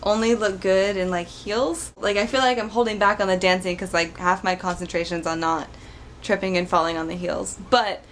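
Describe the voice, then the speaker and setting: This vlogger is a woman in her twenties from Arizona, United States, bubbly and giggly in a casual Q&A video recorded close to her camera mic. Her mid-range voice holds a steady tone at a moderate pace. A faint hiss or hum is present.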